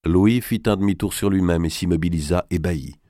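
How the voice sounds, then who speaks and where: A man reading a historical novel aloud as narrator, in a measured, dramatic storytelling manner. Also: low-pitched, dark tone, no echo, clean studio sound.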